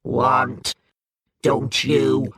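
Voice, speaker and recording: A woman voicing a hulking, fierce female beast that growls out slow, halting words. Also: rumbling low, little pitch movement, gravelly, a bit bright, husky, dry recording, clean studio sound, voice pushed down, full character voice. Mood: growling.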